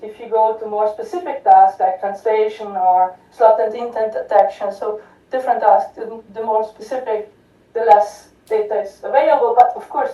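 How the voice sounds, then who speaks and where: In a lecture hall, a woman with a mid-range, dark-toned voice gives an academic conference talk full of fillers and restarts, often checking in with "right?". The recording is distant, echoey and lo-fi.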